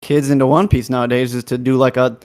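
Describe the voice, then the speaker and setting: A man on a casual podcast panel who works through his points slowly, wandering into asides as he goes. His voice has an ordinary middle pitch. He sounds conversational and unhurried. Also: level tone, darkish tone, slight background noise.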